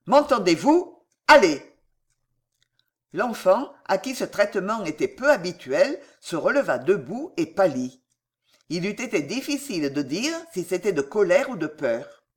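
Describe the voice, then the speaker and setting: A man narrating a classic novel in a dramatic, expressive reading. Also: high-pitched, normal speed, husky. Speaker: audiobook narrator. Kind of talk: scripted narration.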